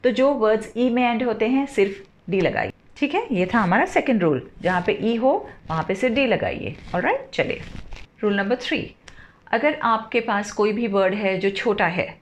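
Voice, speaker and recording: A woman teaching English verb pronunciation, spelling words out slowly and often checking with a rising "theek hai?". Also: medium pitch, animated. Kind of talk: spoken lesson, spelling words letter by letter.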